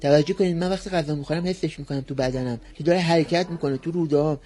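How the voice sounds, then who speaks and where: A man's voice: on the high side, mellow, natural voice. An actor playing a naive young man who rambles earnestly about wanting to become a surgeon, in a radio comedy sketch. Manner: earnest, rambling, oddly fixated. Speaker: patient.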